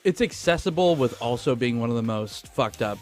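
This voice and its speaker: Co-hosting a film review podcast, this man speaks in a mid-pitched voice that is expressive, brisk, and a little mellow. His talk is casual and full of profanity, with music running underneath.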